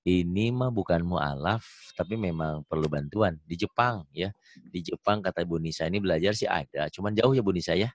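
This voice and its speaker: A deep-voiced male teacher on a video call, walking a beginner through Quran reading. He models each syllable loudly and coaxes with light jokes. The sound is dry and close. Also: brisk, no echo. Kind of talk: online one-on-one reading lesson.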